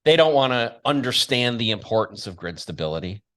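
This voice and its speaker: A man's voice: medium pitch, big pitch swings, brisk, a bit bright. A man hosting a talk show, speaking straight to his audience in a blunt, combative, emphatic way. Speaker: show host and commentator. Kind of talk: opinionated monologue to an audience.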